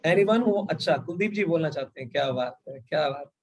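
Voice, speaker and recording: A man's voice: on the high side, expressive, normal speed, rough recording. A man running an online sales training over a video call, explaining step by step, mixing English into Hindi and checking in with "right or wrong?". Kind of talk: live online training session.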